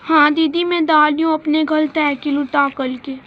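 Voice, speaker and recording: A woman's voice: sits high, fairly even intonation, moderate pace, lightly acted. A woman voicing a small, tearful little girl in a doll-play story, talking in a whiny, childlike way. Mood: childish. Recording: dull lo-fi recording.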